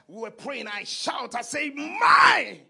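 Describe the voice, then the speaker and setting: A man preaching a sermon, tagging his lines with "ah" and "hallelujah" and often breaking into shouts. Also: very high-pitched, animated, quick pace, creaky. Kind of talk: sermon with live interpretation.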